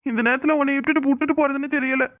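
A woman's voice: high-pitched, fairly even intonation, rapid-fire, a bit bright. A woman voicing a worried young husband in a cartoon, pleading and anxious, with a southern Tamil Nadu accent. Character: worried young husband torn between work and wife. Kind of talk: cartoon voice acting.

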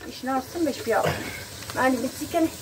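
High-voiced woman chatting from a distance. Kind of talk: casual chat. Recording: distant mic with clear background noise.

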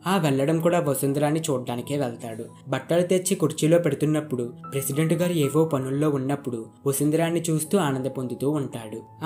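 Man reading a story, warm mellow tone, soft guitar music in the background. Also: fairly high pitch. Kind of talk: scripted story narration. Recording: narration over faint guitar music. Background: faint guitar music.

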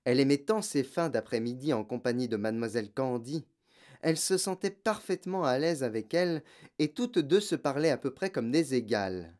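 An audiobook narrator reading a children's novel in an expressive storytelling manner. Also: medium pitch, fairly quick.

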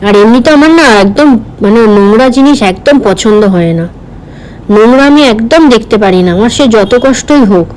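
A woman's voice: a little high, expressive, a little fast, a little mellow, a little hiss or hum, rough recording. A woman, chatting casually through a home vlog, rambling with many fillers. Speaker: vlogger.

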